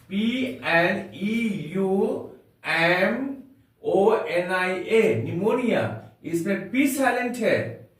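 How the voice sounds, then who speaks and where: Slow, high-voiced Indian male teacher. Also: a bit bright, heavy reverb, far from the mic, low-quality recording. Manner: slow, spells words letter by letter. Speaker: English teacher. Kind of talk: Hindi-language spoken English lesson.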